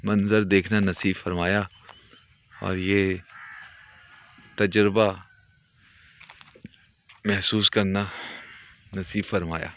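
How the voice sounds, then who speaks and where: A man gives calm, devout, descriptive commentary while walking a foggy rural track, filming on a handheld phone. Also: low-pitched, slow pace, long pauses, highs cut off.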